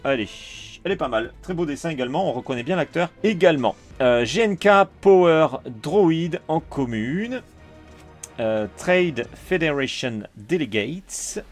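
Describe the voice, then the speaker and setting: Chatty french guy opening cards, slow. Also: fairly high pitch, faint music behind. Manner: chatty, excitable, calls out each card. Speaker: card-opening YouTuber. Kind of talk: casual card-unboxing commentary.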